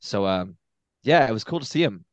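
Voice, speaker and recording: A man from Canada, a podcast guest, giving measured, thoughtful opinions in casual chat. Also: fairly low pitch, expressive, dry recording, lo-fi sound.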